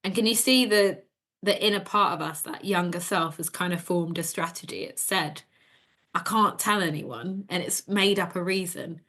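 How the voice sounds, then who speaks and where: A woman leads an emotional tapping session in a gentle, steady way. Her voice sits a little low, and she gives short phrases one by one for her partner to echo back. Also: normal speed. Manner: calm, gentle instructions, giving phrases to repeat. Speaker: EFT tapping practitioner.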